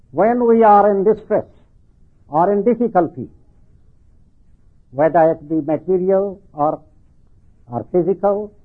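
An older man preaching and explaining scripture, deliberate and halting, repeating phrases, with slightly slurred lips-over-teeth articulation from artificial teeth. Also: high voice, husky. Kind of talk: religious sermon explaining scripture. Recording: thin phone-like band-limited sound.

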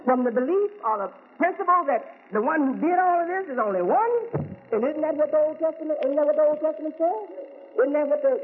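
A very high-pitched American man talks fast while giving a religious lecture as an Islamic teacher. He asks rhetorical questions and repeats important words, recorded with a tinny, phone-like sound and faint hiss.

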